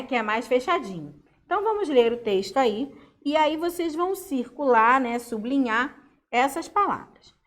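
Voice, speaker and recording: High-voiced Brazilian teacher, patient. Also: female voice, fairly bright tone. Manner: patient, explaining step by step with frequent check-ins. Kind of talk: online class lesson.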